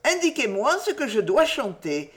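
A woman reads out a gentle young woman from a storybook. She is shy and easily alarmed. She speaks softly and earnestly, with a lively lilt. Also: on the high side, moderate pace, pitched above the performer's own voice.

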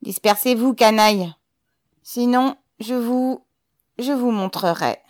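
A woman's voice: fairly high pitch, slow pace, dry recording, clean studio sound, voice pushed up. A woman voicing a cold, brutal middle-aged police commissioner who barks contemptuous commands in an audiobook. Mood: cold contempt.

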